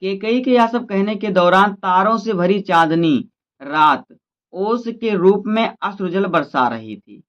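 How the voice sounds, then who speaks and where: A male teacher explaining a Hindi literature lesson, reciting verses slowly and then explaining them in quick asides. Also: high voice, lively intonation, dull audio.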